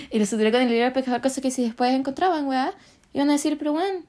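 A woman's voice: high-pitched, huge pitch swings, brisk, a bit bright. A young woman with a Chilean accent, co-hosting a casual podcast, telling stories in a chatty, giggly, slangy way. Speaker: podcast co-host. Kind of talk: casual chat, word-guessing game.

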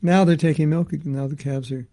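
A man's voice: fairly high pitch, steady tone, normal speed, mellow. A man teaching a scripture class, reading passages aloud and explaining them in casual asides. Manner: reads a passage then comments in casual asides.

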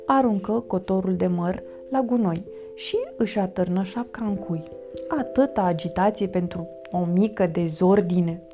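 A woman reading a children's picture book aloud as a storyteller, lively and giving the characters their own voices. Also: over music. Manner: lively, voices the characters with raised pitch and volume.

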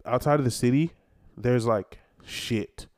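A young American man chatting casually on a podcast in a slangy, profane frat-bro manner, given to animated, incredulous exclamations. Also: medium pitch, a little slow. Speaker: podcast guest.

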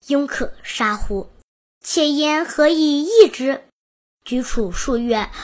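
A woman reading a classical history story aloud, first the old text and then its modern translation, in an even, measured storybook manner. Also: high voice. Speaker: reader.

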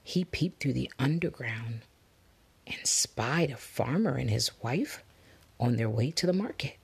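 A woman reading a children's fable aloud, expressive, dropping into soft whispers for suspense. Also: extremely low pitch, measured pace, creaky, breathy edge. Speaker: storybook reader. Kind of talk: children's story read-aloud.

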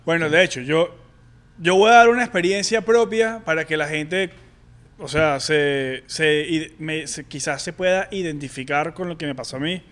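A young man with a Venezuelan accent candidly telling a personal story on a podcast, halting and full of slang. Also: fairly high pitch, a bit bright. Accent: Venezuelan Spanish. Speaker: podcast co-host.

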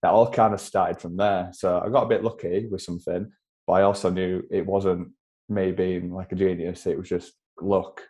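A man's voice: low-pitched, little pitch movement, normal speed, a little mellow. A man in his twenties with a Yorkshire accent, chatting casually as a podcast guest over a remote call, laughing often and self-deprecating. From Yorkshire, England. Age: 20s. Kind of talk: casual interview chat.

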